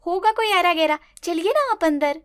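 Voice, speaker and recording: A nosy young sister-in-law voiced by a woman chides and hurries others along in a cartoon story. Her high voice moves a lot, with no room sound. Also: animated, moderate pace, dry recording, studio quality. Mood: chiding. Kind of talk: cartoon voice acting.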